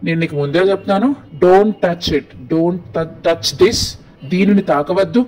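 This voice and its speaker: A man with a Telugu accent teaching spoken English, saying each phrase slowly and clearly, then explaining quickly in Telugu. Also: high-pitched, darkish tone, low-quality recording. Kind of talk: language lesson, slow model phrases with translations.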